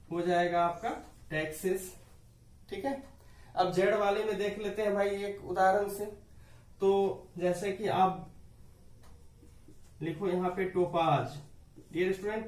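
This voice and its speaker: Man, high voice, patient grammar teacher, echoey room heard from a distance. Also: darkish tone. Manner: patient, repeats rules, addresses dear students. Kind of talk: classroom explanation to students.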